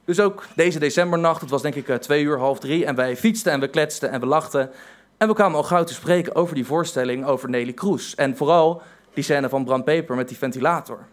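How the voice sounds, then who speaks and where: A man's voice: on the high side, fairly quick. A young man telling a personal story in a wry, self-mocking way, with hesitant fillers.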